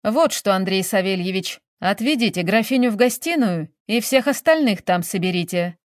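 A woman's voice: mid-range voice, lively intonation, moderate pace, dry recording, studio quality, lightly acted. A woman reading a story, voicing a brusque, hot-tempered male police investigator who barks orders and questions. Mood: businesslike. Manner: barking, then coaxing.

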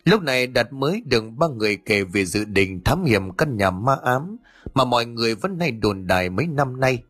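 A man narrating an audiobook story in a steady, even way. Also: medium pitch, moderate pace, breathy edge, dry recording, faint music behind.

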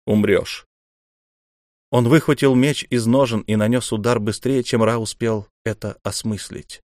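A man's voice: mid-range voice, steady tone, moderate pace, darkish tone, no echo. Man reading a novel aloud, dry sound. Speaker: audiobook narrator. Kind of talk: scripted narration.

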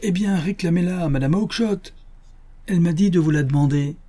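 A jittery, pleading little man, as a male reader puts him on, his voice pitched up. The reader's tone stays husky and mellow. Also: fairly quick. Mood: anxious. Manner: anxious, pleading. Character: nervous small timid man. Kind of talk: audiobook reading.

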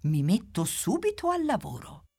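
A woman voicing a huge, cheerful prehistoric female bee in a storybook, drawn out and squeaky. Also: huge pitch swings, moderate pace, darkish tone, slightly rough, full character voice. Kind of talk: storybook character voice.

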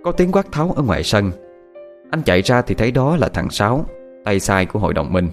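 A man with a Southern Vietnamese accent narrating a ghost story in a dramatic, expressive way. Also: on the low side, brisk, faint music behind.

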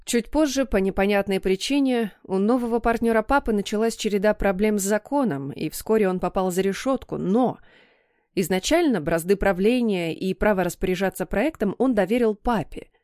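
A woman narrating a first-person story in a steady, measured reading voice. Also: mid-range voice, no echo, studio quality. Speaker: audiobook reader.

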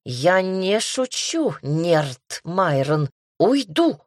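A woman voicing a plump, cunning ginger talking cat who speaks in slow, drawn-out, wailing pleas. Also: fairly low pitch, very animated, dry recording, clean studio sound, full character voice. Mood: dramatic.

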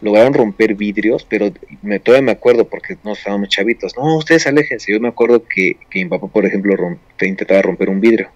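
A man's voice: fairly low pitch, steady tone, fast talker, few pauses, dry recording. A man casually recounting a story on a paranormal talk show, rambling with many restarts.

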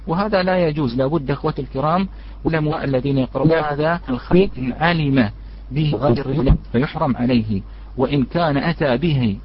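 A man's voice: on the high side, slightly rough. A man teaching a religious lesson on recitation rules, addressing his listeners as brothers and asking them questions before answering. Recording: dull lo-fi recording.

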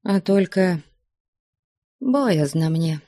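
A woman's voice: lowish voice, animated, extremely slow, mellow, dry recording, clean studio sound, pitched above the performer's own voice. A woman voicing a grumbling, snappish young nun who leads the choir. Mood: fretful. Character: young choir-leading nun, grumpy and fearful.

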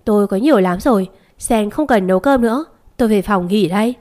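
Stubborn young master, read by a woman narrator; curt and forceful. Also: medium pitch, brisk, close to an everyday voice. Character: young master, stubborn young man, quick-tempered.

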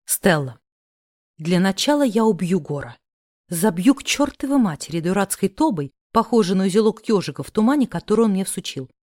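A woman narrating a first-person novel chapter in a sardonic, lively way. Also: mid-range voice, brisk, dry recording, studio quality. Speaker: audiobook narrator.

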